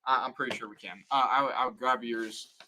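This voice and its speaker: A man hosting a casual livestream, rambling and halting with many fillers and restarts. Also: mid-range voice, fairly even intonation, bright, forceful tone, a little hiss or hum. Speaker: stream host.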